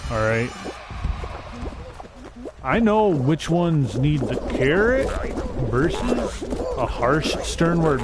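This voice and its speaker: Heavy background noise surrounds a mid-range male voice on a desk mic. He's a young man streaming a game, rambling in casual chatter, teasing himself, and now and then slipping into silly invented songs.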